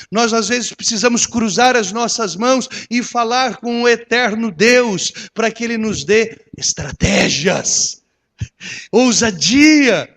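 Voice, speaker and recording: A man, a pastor preaching a lively sermon that swings from loud to hushed. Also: sits high.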